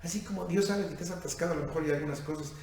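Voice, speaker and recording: This man talks rapid-fire in a slightly high, darkish voice: a Mexican priest in his fifties with a Mexican accent, preaching to a youth retreat, asking his listeners questions and calling them "mijo." The sound is far-off and echoey, with faint noise.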